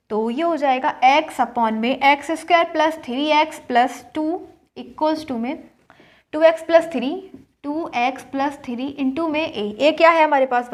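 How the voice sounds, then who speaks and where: A woman gives a board-work maths lesson. She talks through each step and keeps asking and answering her own questions. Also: sits high. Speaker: maths teacher.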